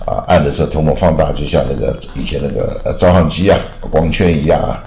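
A very deep-voiced older man teaches English words in a loose, rambling way, ending phrases with a drawn-out "ah". The sound is roomy and echoey. Faint keyboard typing sits behind him. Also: gravelly, a little mellow. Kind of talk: explaining vocabulary lesson.

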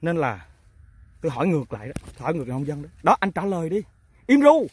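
A man's voice: on the high side, lively intonation, fast, husky. A man with a Southern Vietnamese accent, the founder of a fertilizer company, speaking off the cuff to farmers and agents in a blunt, emphatic way full of rhetorical questions. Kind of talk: off-the-cuff talk to his customers.

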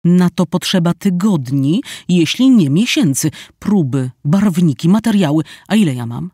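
A man voicing a fiery, perfectionist middle-aged woman chef in an audiobook, with sharp, dramatic outbursts. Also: sits high, animated, moderate pace, husky, no room sound, clean studio sound, pitched above the performer's own voice. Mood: agitated.

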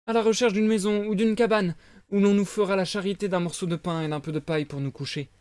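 A man voicing a naive young wooden puppet boy in a high, pleading voice. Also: fairly even intonation, fast, a little mellow, no room sound, close to an everyday voice. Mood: aigu, ému. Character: jeune pantin de bois, garçon naïf et ému.

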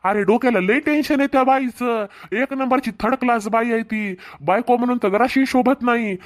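A man voicing a scheming, two-timing husband who placates his wife and flatters his girlfriend, with a Marathwada Marathi accent. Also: very high-pitched, normal speed. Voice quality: smooth-talking, placating.

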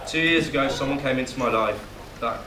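Speaking briskly in a mid-range voice, this young groom reads his wedding speech from notes, mixing jokes with emotional moments where his voice catches. The recording comes from a far-off camera without a microphone in an indoor reception hall, leaving heavy echo and loud background noise.

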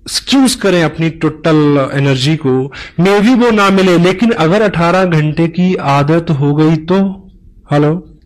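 Man, motivational business trainer, emphatic, seminar talk, fairly high voice. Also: low-quality recording. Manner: emphatic, mixes in English phrases, tells parables.

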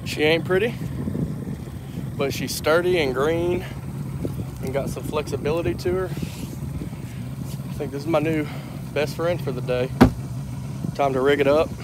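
A young man with a fairly high voice chats casually to a handheld phone held at arm's length while fishing, speaking unhurriedly with frequent pauses over heavy background noise. He's a fishing vlogger narrating an easygoing, chatty outdoor vlog as he works, out on a lake in a boat and on a wooded bank.

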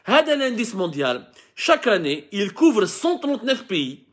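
An Algerian man with an Algerian accent hosts a live talk, explaining things to his viewers like a lecturer. He often restarts his sentences and piles up lists. His voice sits fairly high for a man. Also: sing-song, moderate pace, fairly bright tone, breathy edge. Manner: mixes French with Algerian Arabic, many restarts and lists. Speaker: host of a live show. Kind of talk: talking to camera, explaining to viewers.

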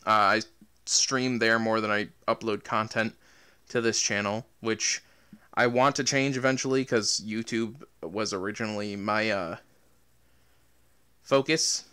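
A man's voice: lowish voice, fairly even intonation, a little slow, sharp tone, clear, resonant tone. A man who makes gaming videos, chatting casually and rambling with many fillers and restarts. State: out of breath. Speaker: gaming YouTuber. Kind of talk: casual outro talk to viewers.

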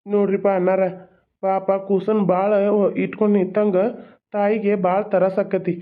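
Guy doing an older village man, north karnataka kannada accent, flat monotone, tinny phone sound. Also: sits high, close to an everyday voice. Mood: advising. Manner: slow, level, matter-of-fact. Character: older village man giving practical advice.

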